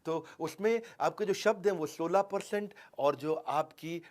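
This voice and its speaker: Higher-pitched guy lecturing a sales seminar, lively, keeps asking the room questions. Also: unhurried. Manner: animated, quizzes the audience, acts out dialogues. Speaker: sales trainer.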